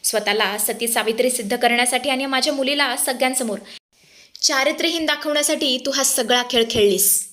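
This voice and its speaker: Woman voicing a theatrical, accusing stepmother, high voice. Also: fairly bright tone, close to an everyday voice. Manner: melodramatic, accusing.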